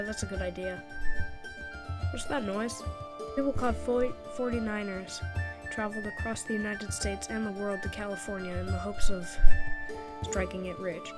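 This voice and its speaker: A woman narrating a history video in a casual scripted way, with jokey, sarcastic asides. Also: medium pitch. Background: background music.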